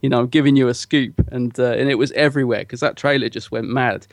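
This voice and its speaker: A man's voice: medium pitch, steady tone, quick pace. A man co-hosting a podcast in casual, conversational chat. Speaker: podcast co-host.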